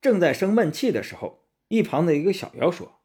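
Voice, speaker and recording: A man narrating a storybook in an expressive, rising-and-falling storytelling manner. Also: high voice, fairly quick.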